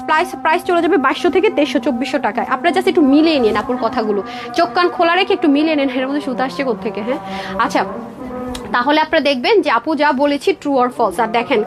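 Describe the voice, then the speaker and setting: A woman from Bangladesh hosting a live online sale, talking viewers through dresses in a quick, persuasive patter. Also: high voice. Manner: rapid persuasive patter, addresses viewers as sister, mixes English words. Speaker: online clothing seller on a live stream. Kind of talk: live sales pitch. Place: indoor room with a door, modeling a dress.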